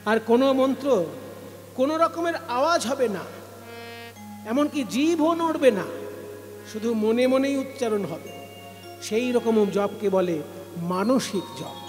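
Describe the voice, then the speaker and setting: A man's voice: very high-pitched, measured pace, long pauses, big-room sound, faint music behind. A man leading a devotional singing performance, telling a saint's story and explaining it like a teacher, breaking into song. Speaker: kirtan singer and storyteller. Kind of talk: sung devotional storytelling sermon.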